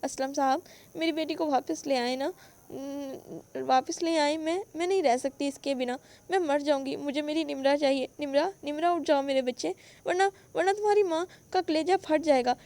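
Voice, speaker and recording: A woman's voice: high-pitched, darkish tone. A woman voicing a middle-aged mother who sobs and pleads over her dead daughter in a spoken novel. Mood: grief-stricken. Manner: sobbing, broken pleading.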